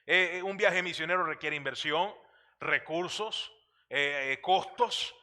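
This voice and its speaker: Male pastor preaching a sermon, fairly high and bright tone, lively questions, lots of hesitations. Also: unhurried. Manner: animated preaching with many fillers and questions to the congregation. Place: church.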